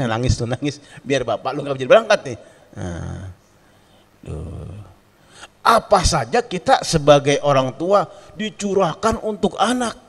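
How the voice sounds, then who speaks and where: A man delivers a sermon in a prayer room. His pitch rises and falls widely as he tells stories, acts out quotes and laughs at his own asides. The voice carries a long hall reverb. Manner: animated storytelling, acted quotes, laughing asides. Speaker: preacher.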